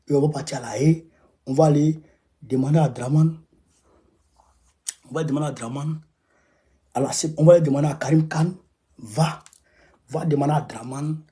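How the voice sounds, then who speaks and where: A man's voice: fairly high pitch, mellow. A man from Côte d'Ivoire, rallying his followers from home in an emphatic, repetitive live-stream talk. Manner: emphatic, repeats phrases, exhorting. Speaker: livestream host rallying supporters. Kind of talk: casual live-stream address.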